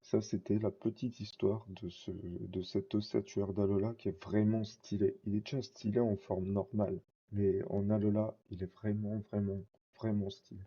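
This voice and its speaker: A man's voice: on the low side, level tone, normal speed, dark tone, breathy edge, muffled recording. A man chatting casually while showing his card collection, rambling with lots of fillers and self-corrections. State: scratchy throat.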